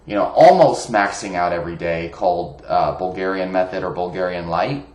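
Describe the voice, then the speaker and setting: Man, rambling casual monologue, fillers and restarts, lowish voice, echoey room. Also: moderate pace, a little mellow.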